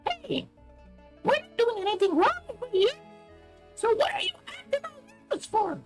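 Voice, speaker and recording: A man putting on a squeaky, strained falsetto as a tiny female fairy companion in a game, with an exaggerated delivery. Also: very animated, normal speed, faint music behind, exaggerated voice. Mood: indignant.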